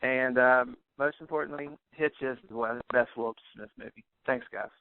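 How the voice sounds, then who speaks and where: A man from Tennessee leaves a chatty, teasing voicemail over a landline phone, halting with fillers. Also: medium pitch, fairly even intonation, vocal fry, dry recording. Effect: heard over a landline phone line. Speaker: voicemail caller. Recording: tinny, dry phone-line voicemail.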